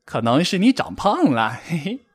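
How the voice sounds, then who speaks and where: A man's voice: on the high side, huge pitch swings, moderate pace, breathy edge, pitched above the performer's own voice, full character voice. A man voicing a cheeky young male frog in a storybook, teasing in a mocking, sing-song way. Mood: playful.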